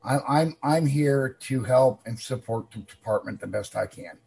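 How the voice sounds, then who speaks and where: A man giving a public comment at a meeting, upset and halting, repeating words as he speaks over a remote call. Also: mid-range voice, creaky, darkish tone, breathy edge, low-quality recording. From Washington State.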